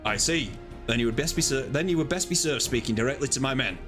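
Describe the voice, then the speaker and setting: A man's voice: mid-range voice, expressive, fast talker, music in the background, close to an everyday voice. A man reading a formal male knight commander's game dialogue aloud in a stately way.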